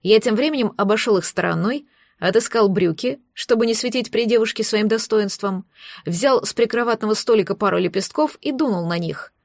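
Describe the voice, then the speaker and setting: A woman narrating a fantasy novel in first person, calm and measured. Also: medium pitch, vocal fry, dry recording, clean studio sound. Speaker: audiobook reader.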